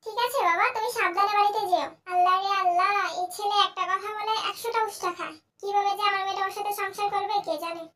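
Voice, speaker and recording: A woman voicing a patient middle-aged mother who calmly reproaches her rude husband. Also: very high voice, fast, far from the mic, slight background noise. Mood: reasoning. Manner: calm, pleading, reasonable.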